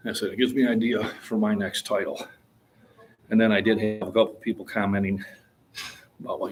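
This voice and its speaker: Here a man in his sixties, a fitness vlogger, talks about his lifting at the gym. He's casual, plainspoken and rambling, and chuckles easily; his pitch sits fairly low, with slight background noise behind him.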